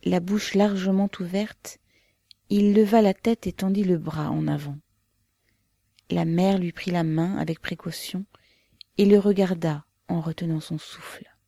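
Slow, grave woman reading a novel. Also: on the low side, steady tone, gravelly, mellow, no room sound. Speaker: narrator.

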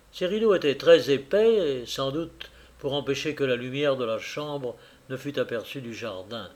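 Man narrating a suspense novel. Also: mid-range voice. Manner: dramatic reading, slowing for suspense. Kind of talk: scripted narration of a classic novel.

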